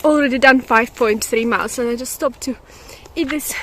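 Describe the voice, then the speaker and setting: A woman's voice: on the high side, normal speed, a bit bright, slight background noise. A woman chatting casually as a vlogger out on a nature trail. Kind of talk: casual chat.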